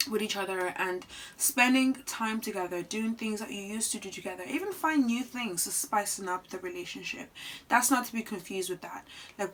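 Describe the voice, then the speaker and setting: An earnest woman in her twenties gives advice in a casual vlog. Her voice sits in a middle pitch, and she moves between soft asides and loud, animated outbursts. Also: slight background noise, low-quality recording. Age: 20s. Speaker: vlogger.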